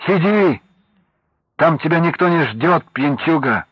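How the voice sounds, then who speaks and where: A man reading an audiobook and voicing a young wife, tearful and bitter, scolding her husband in a husky voice. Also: medium pitch, moderate pace, no echo, lightly acted. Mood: shouting angrily. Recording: dull lo-fi audiobook recording.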